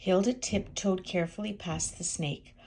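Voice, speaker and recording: An older woman, a sweet and gentle grandmother, reading a storybook aloud with chatty asides to small children. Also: medium pitch, fairly even intonation, moderate pace, slight background noise, rough recording.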